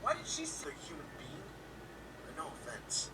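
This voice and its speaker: A man's voice: a little high, huge pitch swings, measured pace, exaggerated voice. An actor playing a flustered young man, rambling aloud. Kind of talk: web series acting. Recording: distant mic with loud noise.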